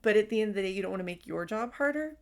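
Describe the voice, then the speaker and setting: A woman hosting a casual advice podcast, talking fast and candidly while she reads out workplace stories and comments. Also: medium pitch, expressive. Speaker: podcast host.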